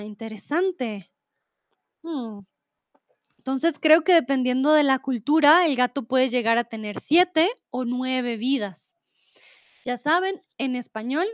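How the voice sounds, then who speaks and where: A woman teaching Spanish in a live online lesson, her voice slightly high and her delivery unhurried and deliberate. She reads out students' chat comments and switches into English to explain grammar. The sound is dry and close, with no room echo. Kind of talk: live online language class, reading chat comments aloud.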